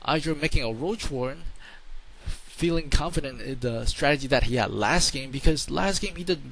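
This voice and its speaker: A man's voice: medium pitch, normal speed, a bit bright, slight background noise, low-quality recording. A man giving casual, rambling play-by-play commentary on a strategy game into a home microphone, often repeating words for emphasis.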